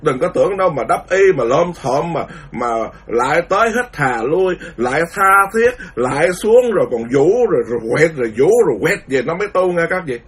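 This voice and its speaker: A Buddhist monk delivers an indignant, repetitive rant during a lecture. His voice is husky and sits a little high. He sounds set back from the microphone, like a radio broadcast. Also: expressive, brisk, hardly any pauses, recorded from a distance. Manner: indignant, ranting, repetitive phrasing. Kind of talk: impassioned Dharma lecture.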